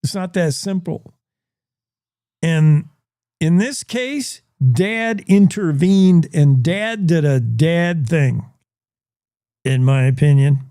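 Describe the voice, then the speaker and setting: A man's voice: a little high, animated, slow pace, long pauses, warm tone, no room sound, clean studio sound. A man hosting a news show, giving folksy, opinionated commentary and repeating his points.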